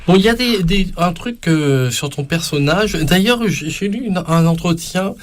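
A man's voice: sits high, animated, normal speed. A man hosting a casual talk about a novel, chatty and a little hesitant. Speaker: host. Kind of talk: casual book chat.

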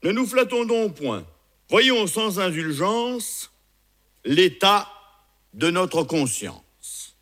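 A proud lion king from a recited fable, read by a man. He declaims slowly and gravely in a bright voice. Every phrase is weighed. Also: a little high, full character voice. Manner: slow, solemn declaiming.

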